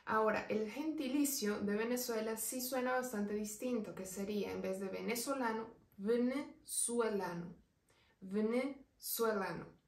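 A woman teaching an online language lesson, explaining patiently and slowing right down to spell out each example word. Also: on the high side, far from the mic. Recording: roomy echo, voice away from the mic.

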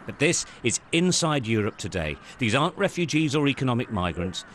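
An older man reporting and narrating a news report in a measured, grave way. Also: medium pitch, very animated, a bit bright, slight background noise.

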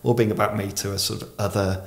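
Man in his forties, r's said as w, low pitch, gravelly fry, reflective podcast guest, desk microphone. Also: little pitch movement, fast talker. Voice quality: pronounces r as w. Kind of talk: reflective conversational explanation. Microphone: podcast microphone on desk stand.

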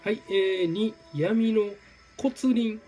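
A man commentating his own gameplay, exclaiming and repeating words in quick bursts. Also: high voice, dark tone, faint music behind. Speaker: game streamer. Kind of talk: excited let's-play commentary.

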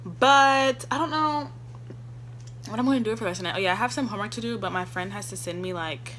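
A woman's voice: medium pitch, quick pace, a bit bright, a little hiss or hum. A young woman in a casual, rambling vlog, chatting to her viewers with easy laughs. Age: young adult. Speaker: vlogger. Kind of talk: casual chat.

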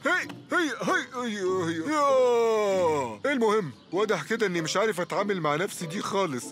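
A man's voice: sits high, animated, moderate pace, fairly bright tone, soft background music. A man voicing a clingy, goofy adult cartoon friend in an Egyptian Arabic accent, dramatic and whiny. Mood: silly. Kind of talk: cartoon dub acting.

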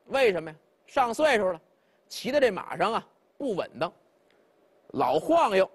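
A man's voice: high voice, sing-song, moderate pace, gravelly, slightly rough. A man performing traditional Chinese storytelling, chatting directly with his listeners as he narrates. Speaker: pingshu storyteller.

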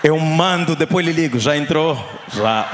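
A young man with an Angolan Portuguese accent doing live stand-up, teasing the crowd loudly and shouting his punchlines. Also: fairly high pitch, measured pace, noisy background. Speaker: stand-up comedian. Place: live comedy show on stage. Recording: echoey hall with crowd.

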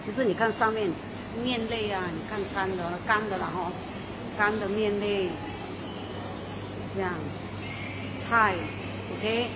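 With a mid-range voice, fairly even intonation, and a measured pace broken by frequent pauses, a middle-aged Malaysian food show host reviews a restaurant from inside it. She chats enthusiastically with the owner, using lots of fillers and exclamations, over noisy background sound.

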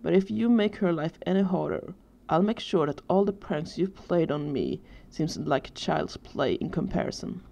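A woman voicing a cold, threatening teenage boy who hisses and growls his warnings, in a dark, low voice on a dull recording. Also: expressive, normal speed, vocal fry, hardly any pauses. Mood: weary firm.

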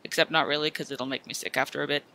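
A woman voicing a quiet, deadpan, unbothered boy in a cartoon comedy skit. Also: sits low, very fast. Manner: deadpan, quiet, flat delivery. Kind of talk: animated comedy skit dialogue.

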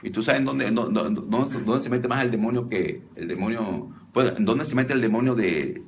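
A low-pitched man gives a casual teaching on deliverance. He restarts his sentences often and keeps calling his listeners brother. A faint hiss sits behind his voice. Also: normal speed. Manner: repetitive, addresses listeners as brother, frequent restarts. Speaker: deliverance preacher. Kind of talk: conversational teaching at a conference.

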